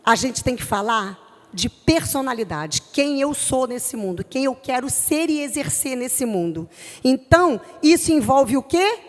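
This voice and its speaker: A middle-aged woman from Brazil with a Rio de Janeiro accent, preaching to a youth group with forceful, emphatic delivery. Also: high-pitched, expressive, measured pace, long reverb tail. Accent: Rio de Janeiro Portuguese. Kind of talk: youth church sermon.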